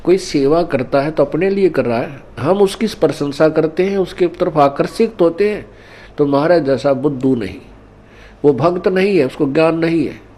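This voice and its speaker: A man giving a sermon at an ashram, teaching through parables and couplets. His voice is warm and mellow and sits fairly high for a man. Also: normal speed. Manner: didactic, mixing in scripture couplets and parables. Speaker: spiritual teacher. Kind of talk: Hindi sermon. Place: ashram gathering.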